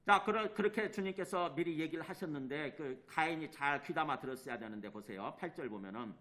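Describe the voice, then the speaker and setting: A man's voice: fairly high pitch, expressive, fairly quick, bright, forceful tone. A male pastor preaching a sermon, putting questions to the congregation and acting out the quoted lines. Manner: asks the congregation questions and answers them himself.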